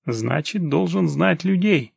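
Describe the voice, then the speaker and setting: A man's voice: a little high, animated, takes it slowly, creaky, breathy edge, no echo, pitched above the performer's own voice, heavily acted. A man doing a shrewd persuasive scout. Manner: persuasive, questioning.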